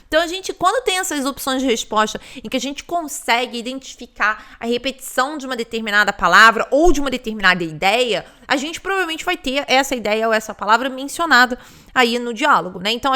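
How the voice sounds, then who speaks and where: A woman's voice: fairly high pitch, bright, forceful tone, clean tone. A woman with a Brazilian Portuguese accent explains test questions in a recorded lesson, checking in often with "né" and "tá". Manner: explanatory, repeats points, many "né" and "tá". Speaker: English test teacher.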